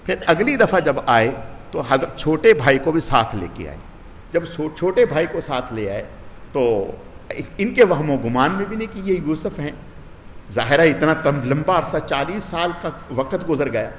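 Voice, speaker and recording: Lively storytelling man in an echoing hall. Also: on the high side. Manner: storytelling with voiced dialogue, rising and falling emphasis. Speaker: religious scholar. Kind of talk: Quran commentary sermon. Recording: hall with long reverb, faint noise.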